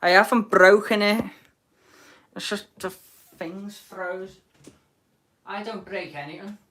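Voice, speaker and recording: Slow-paced British woman hosting casual bingo. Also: mid-range voice, steady tone, a bit bright. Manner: informal, cheeky banter. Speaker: host of an online bingo game. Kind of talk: casual chat, calling out players and numbers.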